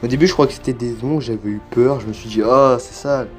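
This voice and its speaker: A man's voice: medium pitch, fast talker, faint music behind. A man chatting casually through a toy unboxing, hesitant and full of fillers, often correcting himself, filmed on a handheld phone. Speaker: toy collector vlogger. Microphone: handheld phone without tripod.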